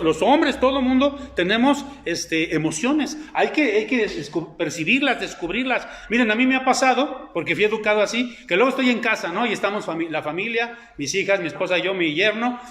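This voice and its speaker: Higher-voiced preacher in an echoey room. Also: male voice, fairly bright tone. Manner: conversational, many fillers and rhetorical questions. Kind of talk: sermon with slides.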